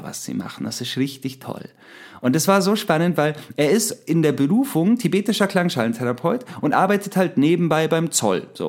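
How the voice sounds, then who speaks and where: Slightly high-voiced man telling a story. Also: darkish tone. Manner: conversational, addresses the listener directly. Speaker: musician telling a personal anecdote. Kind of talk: casual spoken storytelling with reflection.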